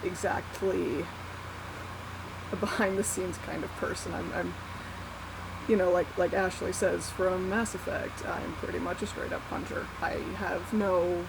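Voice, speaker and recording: Young adult vlogger, slow, candid and self-deprecating delivery, recorded on a laptop with a loud fan running. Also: mid-range voice, fairly even intonation, vocal fry, noisy background. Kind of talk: casual unscripted confessional vlog, one take. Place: small warm bedroom at night. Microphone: laptop built-in mic. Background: whirring fan.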